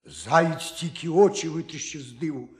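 A man narrating a folk tale for children in an expressive, lively way. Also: on the high side, moderate pace. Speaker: storyteller. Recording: roomy echo.

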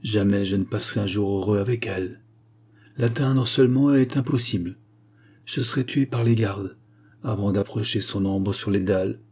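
A man's voice: lowish voice, moderate pace, dark tone, husky. A man voicing a lovesick young man who speaks with vehement anguish.

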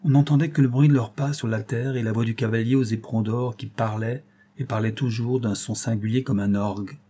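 A man reading a classic tale aloud as an audiobook, in a measured, dramatic manner. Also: mid-range voice, fairly even intonation, dark tone. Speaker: audiobook reader. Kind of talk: scripted narration of a classic tale.

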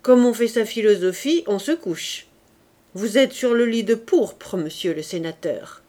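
A woman voicing a calm wry old bishop. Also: mid-range voice, a little slow, close to an everyday voice.

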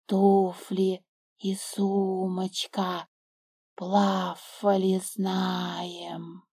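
A sly, sneering fanged serpent, as a woman storyteller puts him on. He drawls each word out very slowly with a mocking hiss. His voice sits close and dry, with no room around it. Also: mid-range voice, a little mellow, no echo. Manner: slow, drawn-out, sneering hiss.

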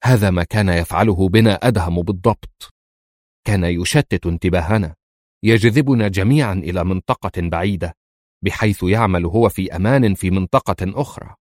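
A man's voice: low-pitched, fairly quick, a little mellow, dry recording, clean studio sound, close to an everyday voice. A man reading aloud as a harsh, imperious woman gang leader who gives clipped orders. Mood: excited.

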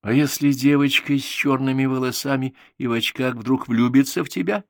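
A man's voice: medium pitch, fairly even intonation, moderate pace, gravelly, dry recording, clean studio sound, pitched above the performer's own voice, close to an everyday voice. A man voicing a bossy, mocking young girl who wears glasses. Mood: teasing. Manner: mocking, sharp-tongued.

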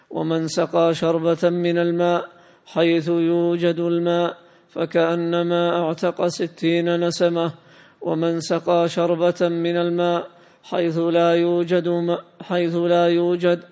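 A man reading a classical commentary aloud in a smooth, measured recitation for a lesson. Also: on the high side, a little mellow. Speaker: student reading the text aloud. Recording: long hall reverb.

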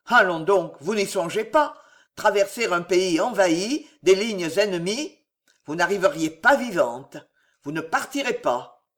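Guy doing a desperate young nobleman, loud and intense, storybook reading. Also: high voice, expressive, unhurried. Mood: forbidding. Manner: intense, forceful declamation.

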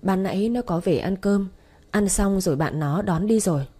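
A woman voicing a soft, pleading elderly mother who is close to tears in an audio story. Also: mid-range voice, moderate pace, husky, lightly acted. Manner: pleading, tearful.

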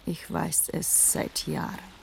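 An actress playing a worldly woman who recalls a lost lover in a radio play, speaking in a hushed, often whispering way with a gravelly edge. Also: deep voice, flat delivery, slow pace, a little hiss or hum, full character voice. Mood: wistful.

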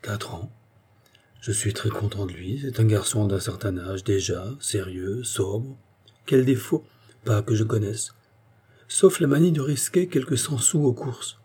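A man's voice: medium pitch, animated, measured pace, warm tone, breathy edge, voice pushed up. A man reading the part of an anxious older male banker in an audiobook. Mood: worried. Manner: subdued and anxious.

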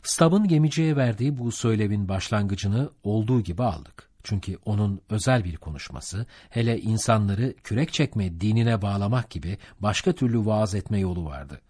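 A male audiobook narrator tells a sea story in measured scripted narration. His voice is low and husky, with a lively rise and fall. The recording is close and dry. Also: dry recording.

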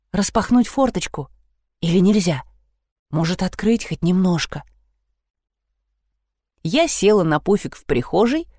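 Woman, audiobook narrator, wry and animated, lively range, dry studio sound. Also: medium pitch, no room sound. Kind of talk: expressive narration of an ironic novel.

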